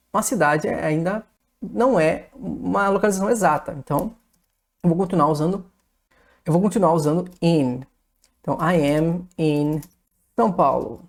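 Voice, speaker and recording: A woman with a low, steady voice and a Brazilian accent teaches English grammar in a video lesson. She explains patiently and step by step. She often checks in with short tag questions. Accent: Brazilian Portuguese.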